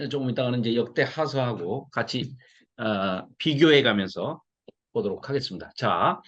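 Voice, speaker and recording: A middle-aged man teaching a Bible study to a small class, lively and often acting out mocking lines. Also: mid-range voice. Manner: animated, mocks the invaders in acted quotes.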